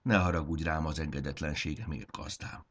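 A man's voice: very deep voice, steady tone. A man voicing a loyal male lizard-bird in a storybook reading, speaking in a commanding yet humble tone.

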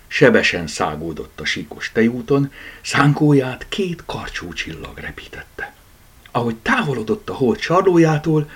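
A man reading a bedtime story aloud in a soft, gentle storytelling manner. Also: mid-range voice, breathy edge.

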